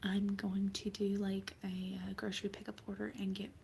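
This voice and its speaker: A young Southern US woman vlogs from bed at home, whispering a rambling, casual chat to her viewers full of fillers and restarts. Her soft, unvoiced whisper is mid-range, monotone, and gravelly at a moderate pace, with slight background noise.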